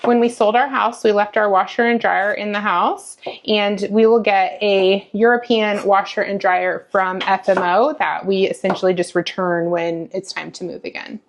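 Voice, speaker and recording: A woman's voice: mid-range voice, steady tone, moderate pace, slight background noise. A woman who is a military spouse, talking through life on base in a matter-of-fact, chatty way with wry asides, recorded on a lapel mic in a small apartment kitchen. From United States. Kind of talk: casual explainer vlog. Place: small temporary lodging apartment kitchen, indoors. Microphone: clip-on lapel mic.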